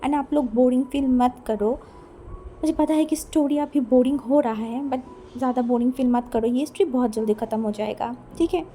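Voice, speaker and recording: A woman's voice: sits high, moderate pace, mellow, a little hiss or hum. A woman narrating a fan-fiction story in a chatty way, often repeating and restarting words.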